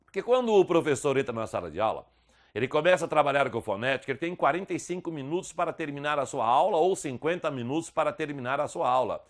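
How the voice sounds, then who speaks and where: A Brazilian man teaching an online lesson, slowly spelling out speech sounds with careful, exaggerated articulation. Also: on the high side, lively intonation. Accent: Brazilian Portuguese. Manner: slow, over-articulated demonstration of sounds. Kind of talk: video lesson promoting a course.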